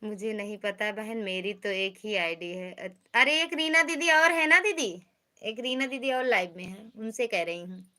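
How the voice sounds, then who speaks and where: A woman's voice: mid-range voice, unhurried, pushed and bright. A woman chatting casually on a live stream, greeting viewers and teasing them while reading out their comments. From Uttar Pradesh, India.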